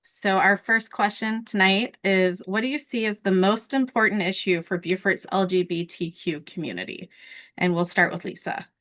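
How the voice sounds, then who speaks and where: A woman moderating an online panel discussion over a video call, polite and steady with occasional ums. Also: mid-range voice, moderate pace.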